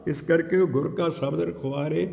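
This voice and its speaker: A man's voice: a little high, fairly even intonation, moderate pace, gravelly, darkish tone, in a large hall. A man preaching an earnest, emphatic sermon, breaking into chanted hymn lines. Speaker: Sikh preacher. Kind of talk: sermon with sung scripture.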